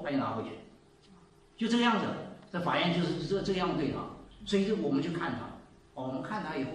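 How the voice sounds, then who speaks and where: Animated elderly man preaching in an echoey hall. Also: high voice, far from the mic, a little hiss or hum. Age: 70s. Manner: storytelling, swings between loud exclaiming and quiet asides. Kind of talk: sermon. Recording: echoey room, voice from off the mic.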